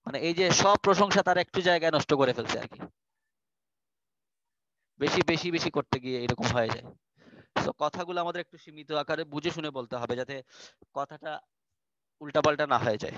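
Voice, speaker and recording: A man's voice: on the high side, moderate pace, long pauses, fairly bright tone, no room sound, muffled recording. A man with a Bangladeshi Bengali accent teaching an online class, explaining in a chatty way and dropping in English phrases. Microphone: video call.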